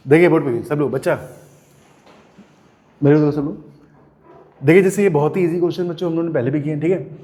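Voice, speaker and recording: A male physics teacher lectures a classroom at a coaching institute, firing off questions, making students answer in chorus, and teasing them playfully. His voice is on the high side and warm, and he talks fast with frequent pauses, trailed by a long reverb.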